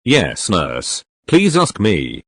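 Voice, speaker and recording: A man's voice: sits low, huge pitch swings, extremely slow, husky, dry recording, exaggerated voice. A man playing an anxious elderly hospital patient in a scripted role-play, speaking politely and formally. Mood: polite, accepting. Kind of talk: scripted role-play dialogue for exam practice.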